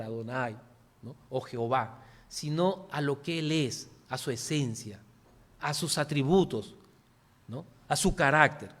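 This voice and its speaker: A man's voice: on the high side, a bit bright. Earnest man preaching a sermon. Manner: earnest, often adds a questioning "¿no?" and addresses listeners as "hermanos"; speaks in short spoken phrases with repetitions.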